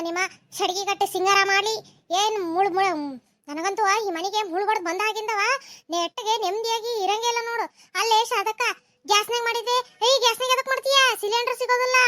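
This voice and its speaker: A woman's voice: very high-pitched, a bit bright. A woman voicing a nagging, scolding village wife in a cartoon, with a North Karnataka Kannada accent. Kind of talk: cartoon voice acting.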